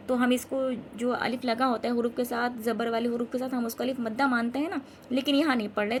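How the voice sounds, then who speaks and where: A woman with a high voice teaches a Quran reading lesson. She explains briskly, then slows right down to recite each word drawn out. A faint hiss of background noise sits under the recording.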